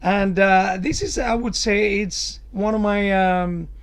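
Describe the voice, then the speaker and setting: High-pitched, creaky-voiced man explaining his job. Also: fairly even intonation, slow pace. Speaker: cruise director. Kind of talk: interview answers.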